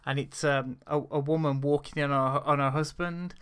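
A man's voice: fairly high pitch, steady tone, moderate pace, a bit bright, clear, resonant tone. A British man chatting casually about games, telling anecdotes and often repeating "literally".

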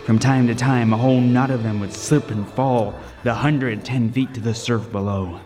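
A male actor with a medium-pitched, a little mellow voice plays a lighthouse keeper, telling his horror story in the first person with vivid, suspenseful intensity during a radio table read. His tone is steady, the pace moderate, and the acting light. Faint music sits behind him, and the recording has a roomy long reverb and faint noise.

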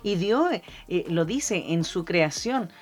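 A woman's voice: fairly low pitch, lively intonation, slow, darkish tone. Woman with mixed Chilean accent preaching. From Argentina. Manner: preaching, frequent "amén" and "¿cierto?" tags. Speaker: podcast co-host.

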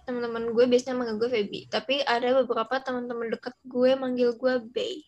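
A teenage young woman with a soft, non-rolled R, chatting casually and informally as a podcast co-host. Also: fairly high pitch, level tone, quick pace, lo-fi sound. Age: teens. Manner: chatty, informal, slang with English mixed in.

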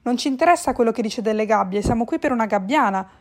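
A woman's voice: fairly high pitch, expressive, fast talker, natural voice. A woman voicing a terse, precise male cat secretary who corrects others. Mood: dry.

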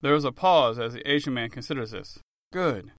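Man, audiobook narrator, plain steady first-person read, dry close recording. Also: mid-range voice, quick pace, dry recording.

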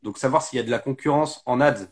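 A man's voice: mid-range voice, fast talker. A man talking casually as an interview guest, explaining things step by step with many hesitations. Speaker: SEO guest.

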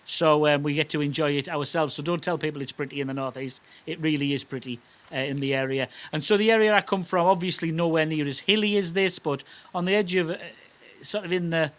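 A middle-aged Methodist minister from South County Durham in northeast England speaks with that region's accent, his voice fairly high, brisk and rather bright. He answers interview questions informally and chattily, with some hesitancy.

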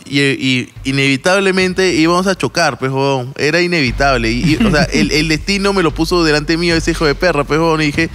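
A man with a Lima Peruvian accent spins a crude, rambling anecdote in casual chat, tripping over restarts and peppering it with slang and swearing. His voice sits a little higher than most men's. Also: fairly quick, few pauses, fairly bright tone. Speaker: podcast storyteller.

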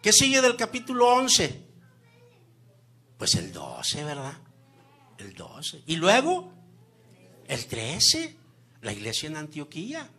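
Animated, bright-voiced preacher man. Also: fairly high pitch, slow pace, long pauses, slightly rough. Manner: lively preaching with frequent "mi hermano" asides; swings between loud emphasis and soft near-whispers. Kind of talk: sermon.

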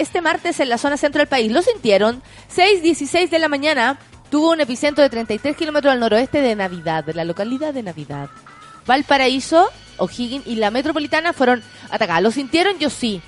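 Speaking in Chilean Spanish, a female morning radio host mixes casual chat with reading the news and listener messages, giggling and playing it up theatrically. Her voice sits high, expressive and slightly quick, over faint background music.

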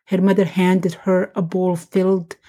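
A woman hosting her own podcast reads a scripted family story aloud. Her reading is measured and gentle. Her voice is warm and mellow, with a slightly husky, breathy edge. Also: on the low side, little pitch movement.

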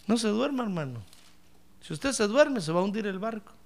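A male pastor preaching a sermon, addressing the congregation directly and swinging from hushed asides to shouts. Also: sits high, sing-song, brisk, a little hiss or hum. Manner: acts out quoted voices and addresses congregation directly.

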